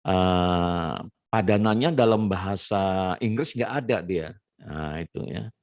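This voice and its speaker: A man with a lowish voice gives a casual language lesson. He explains patiently, checking in with little "ya" and "nah" tags. The sound is dry and close, with no room echo. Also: a little mellow. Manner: explains slowly, peppers phrases with "ya" and "nah". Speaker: French teacher.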